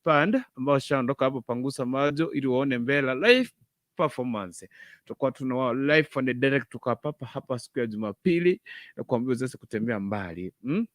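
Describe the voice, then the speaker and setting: A Kenyan-accented man hosts an informal live gospel show online, repeating phrases and moving between English and Swahili as he speaks to viewers. His voice is medium-pitched and the recording is dry.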